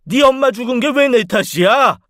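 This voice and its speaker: A man's voice: extremely high pitch, normal speed, a bit bright, no echo, studio quality. A man playing a hot-tempered, bullying aging father in a radio drama, snapping out harsh, scornful outbursts. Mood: furious.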